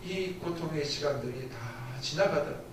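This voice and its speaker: A man with a slightly high voice preaches as a missionary in a church sanctuary, sharing an earnest testimony and putting rhetorical questions to the congregation. He speaks at a normal speed. The recording sounds distant in a very echoey hall, with background noise.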